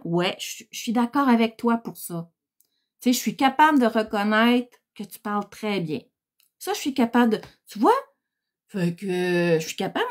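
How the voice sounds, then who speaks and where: Scolding Quebec French woman, slow-spoken. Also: a little high. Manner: scolding, blunt, exasperated, swears. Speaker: livestream host. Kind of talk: heated livestream rant.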